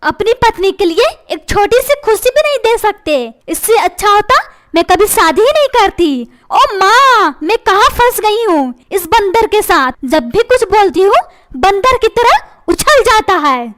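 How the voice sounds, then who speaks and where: A woman's voice: very high voice, big pitch swings, measured pace, fairly bright tone, heavily acted. A woman voicing a nagging, complaining housewife and mother in a comic cartoon.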